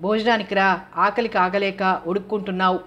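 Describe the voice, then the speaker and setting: A woman's voice: medium pitch, little pitch movement, normal speed, lo-fi sound, close to an everyday voice. A woman voicing a touchy young man who answers peevishly in an audio novel. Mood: sulky. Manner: peevish, sulky.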